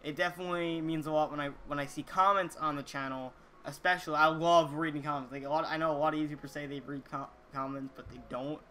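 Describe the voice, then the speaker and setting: A teenage boy talks casually to his viewers in a slightly raised, bright voice. He is earnest and halting, often repeating words as he goes. There is some faint noise behind him in the room. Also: fairly high pitch, fairly even intonation. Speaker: YouTuber reading viewer comments. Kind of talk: casual chat to camera. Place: small indoor room, gaming chair.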